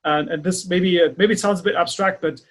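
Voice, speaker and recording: A male podcast host who talks haltingly, circling back over his own words as he hunts for the right phrasing. His voice sits a bit higher than most men's. He stays thoughtful and reflective throughout. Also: steady tone, fairly bright tone. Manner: halting, repeats words while searching for phrasing. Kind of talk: reflective conversation.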